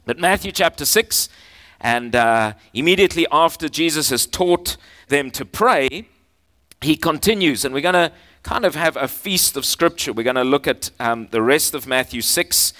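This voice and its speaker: A man preaching a sermon as pastor, earnest and halting with frequent fillers, reading scripture aloud with slow emphasis. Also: a little high, expressive, bright, forceful tone.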